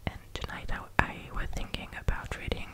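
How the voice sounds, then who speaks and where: A native French speaker with a French accent reading in a hushed, close ASMR whisper, carefully and a little haltingly. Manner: careful, halting over difficult English words. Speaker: ASMR reader. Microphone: close microphone.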